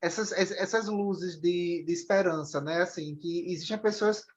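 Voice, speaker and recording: A man's voice: sits high, moderate pace, lo-fi sound. Man moderating a film chat. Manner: hesitant, restarts, many "né?" tags. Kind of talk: post-screening discussion.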